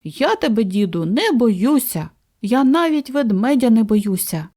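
A woman's voice: on the high side, very animated, a little slow, warm tone. A woman voicing a cheeky, boastful little boy hare in a children's storybook, raised and brash.

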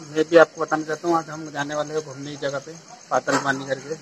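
A man's voice: fairly high pitch, little pitch movement, fast. A young man on a casual travel vlog, greeting viewers and making short exclamations about the view. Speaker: vlogger's friend. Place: outdoors at a waterfall viewpoint. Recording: phone video with outdoor noise.

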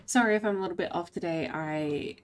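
Woman, low voice, tired, rambling let's play commentary, lots of ums, faint keyboard clicks. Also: a little hiss or hum. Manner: rambling, halting, many fillers. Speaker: gameplay commentator.

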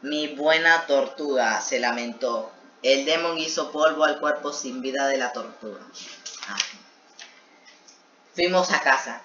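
This video creator revisits his old series, reading his homemade story aloud and breaking in with self-mocking jokes between passages. His medium-pitched voice is pushed and bright, unhurried, with long pauses, captured in an echoey room with dull, lo-fi audio.

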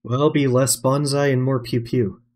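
A man's voice: mid-range voice, little pitch movement, normal speed, darkish tone. Laid-back American man, dry replies. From United States. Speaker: co-op guest player. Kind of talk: casual co-op gameplay chat.

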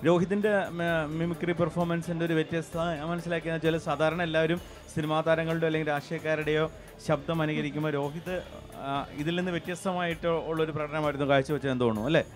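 A man interviewing a young guest on a news channel, brisk and leading with his questions. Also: fairly high pitch, flat delivery, soft background music. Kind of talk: broadcast interview.

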